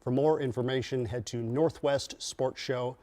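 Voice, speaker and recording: A man's voice: medium pitch, steady tone, moderate pace, dark tone. A man hosting a local TV morning segment, upbeat and conversational. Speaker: TV news host. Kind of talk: TV interview.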